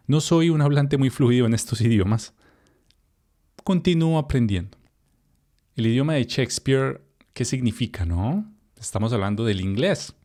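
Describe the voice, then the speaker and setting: With a mid-range voice and a Colombian Spanish accent, a young man from Colombia who teaches Spanish reads a text for learners. His manner is laid-back and chatty, full of fillers and asides aimed at the viewer.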